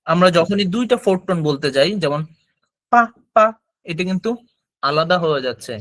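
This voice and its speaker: A man's voice: a little high, fairly quick, fairly bright tone. A man teaching a class about Chinese tones, explaining patiently and modeling syllables for students to repeat.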